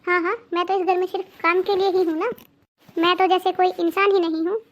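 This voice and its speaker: A woman's voice: very high-pitched, little pitch movement, fairly quick, muffled recording. A woman voicing a young pregnant daughter-in-law in a cartoon, speaking plaintively and sorry for herself. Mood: complaining. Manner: plaintive, self-pitying. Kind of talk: cartoon voice acting.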